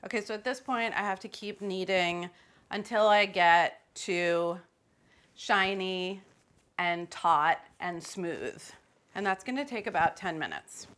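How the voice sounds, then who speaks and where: A woman's voice: lowish voice, slow pace, a bit bright. A woman hosting a casual cooking demonstration in a kitchen, chatty and playful, with loose, offhand phrasing. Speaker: cooking host. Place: home kitchen.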